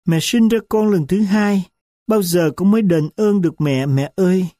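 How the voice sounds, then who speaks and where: A young daughter in tears, put on by a male narrator, pleading in a raised, lifted voice for a storybook reading. The tone is mellow and the recording dry. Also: high-pitched, a little slow, no room sound, voice pushed up. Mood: tearful. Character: young woman, sobbing and grateful daughter.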